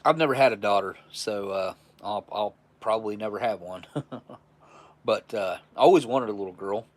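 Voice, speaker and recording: A live-stream host in his forties speaks in a lowish voice at a moderate pace. Easygoing and prone to chuckles, he rambles casually while going through viewer messages.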